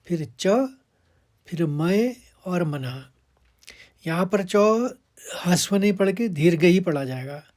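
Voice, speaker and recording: Female recitation teacher, low-pitched and unhurried; chants lines slowly, patient step-by-step coaching. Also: expressive, a little mellow. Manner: chants verse lines slowly, then explains in quick asides. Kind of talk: verse recitation lesson.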